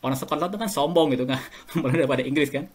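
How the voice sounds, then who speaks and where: A man's voice: on the high side, fast talker, slightly rough. A middle-aged Indonesian man, a guest in a casual podcast interview, telling anecdotes and chuckling as he talks. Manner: chatty and anecdotal, chuckles while talking. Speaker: guest alumnus.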